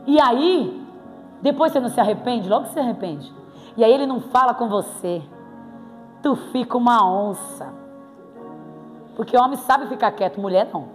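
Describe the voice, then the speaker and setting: A woman with a Brazilian Portuguese accent preaching a sermon in a church, playful and animated, with sudden exclamations. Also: on the high side. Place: church hall. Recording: reverberant hall with faint music.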